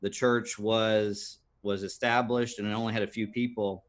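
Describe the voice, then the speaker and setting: An American man in his thirties, appearing as a podcast guest, earnestly tells his life story in a personal storytelling interview, full of fillers and restarts. He speaks at a normal speed in a level tone, his voice on the low side.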